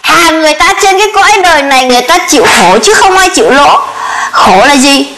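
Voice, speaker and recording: A woman's voice: high voice, expressive, quick pace, noisy background. A woman playing a chatty old grandmother with a jealous husband, in a comic sketch, exclaiming and fussing in a sing-song Northern Vietnamese accent. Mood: scolding.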